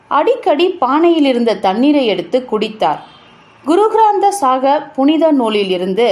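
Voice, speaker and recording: A woman storyteller reads a short story slowly and sorrowfully in a high, animated voice. She takes her time and uses emphatic pauses.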